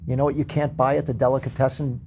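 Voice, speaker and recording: A man's voice: mid-range voice, level tone, quick pace, creaky, darkish tone, a little hiss or hum. A man from Queens, New York, chatting casually on a talk show and telling stories in a conversational way. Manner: conversational, anecdotal storytelling.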